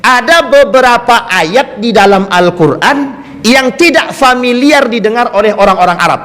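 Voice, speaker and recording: Ustaz bersuara tinggi di aula bergema. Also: male voice, very high-pitched, animated, normal speed, fairly bright tone. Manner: addresses the congregation directly, storytelling with questions. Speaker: Islamic preacher. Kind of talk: sermon. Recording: long hall reverb.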